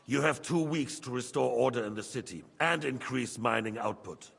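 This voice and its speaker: A man's voice: mid-range voice, normal speed, gravelly, fairly bright tone, husky, heavily acted. An actor playing an imperious, embittered medieval king in a video game drama, speaking in a haughty, formal, commanding way. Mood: stern, furious.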